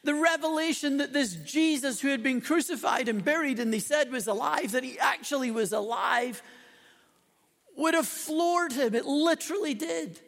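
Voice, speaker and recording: A man preaching a sermon with dramatic emphasis, his loudness rising and falling a great deal. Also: very high-pitched, moderate pace, big-room sound.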